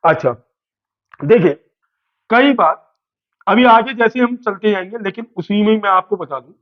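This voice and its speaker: Male chemistry teacher at a board, high voice, playful quiz-and-answer delivery, tinny phone-like audio. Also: normal speed. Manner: playful, asks questions and answers them himself. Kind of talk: classroom lesson at a board. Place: classroom with a board.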